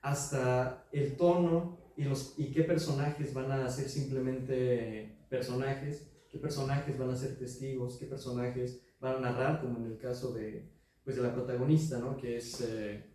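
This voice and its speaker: A man's voice: mid-range voice, fairly even intonation, unhurried, dark tone. A man moderating a book presentation, asking the author a long, searching question with many hesitations and tag questions. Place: book presentation venue, large room. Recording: very echoey room, mic far off.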